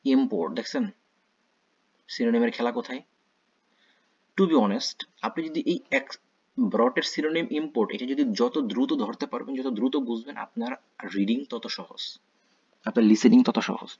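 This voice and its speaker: Teacher, male, husky and a bit muffled; coaxing, brisk exam-prep delivery. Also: medium pitch, expressive, a little mellow. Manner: brisk and coaxing, mixes English words into Bengali, reads English aloud slowly. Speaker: English test teacher. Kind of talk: online class lesson. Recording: dull lo-fi sound.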